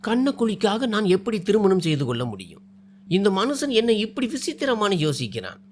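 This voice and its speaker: A shy, frightened young bride, as a male storyteller puts her on in a storybook tale, soft and hesitant, her voice trembling. Her lines swing up and down in pitch. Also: wildly swooping pitch, a little fast, slight background noise. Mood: startled.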